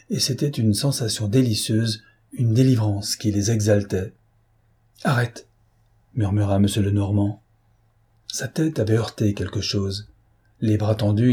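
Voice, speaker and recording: A man reading a novel aloud as an audiobook narrator, in a measured, dramatic manner. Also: on the low side, dark tone, slightly rough. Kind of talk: scripted narration.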